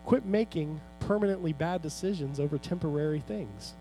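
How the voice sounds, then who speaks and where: A middle-aged man preaching a sermon as pastor in a church, building to loud, fervent peaks and then dropping low and soft. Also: normal speed, faint music behind. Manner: preaching with rising shouts and sudden soft drops. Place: church sanctuary.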